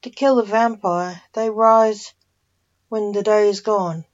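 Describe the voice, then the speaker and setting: Brief: terse old male professor, woman narrator voicing, measured pace. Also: medium pitch, steady tone, natural voice. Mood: urgent. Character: old male vampire-hunting professor, urgent. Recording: dull lo-fi.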